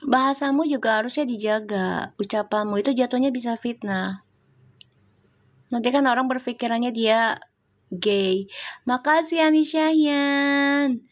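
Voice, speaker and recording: A woman's voice: a little high, moderate pace, long pauses. A woman, hosting a casual live stream, reading viewer comments and scolding them with rhetorical questions.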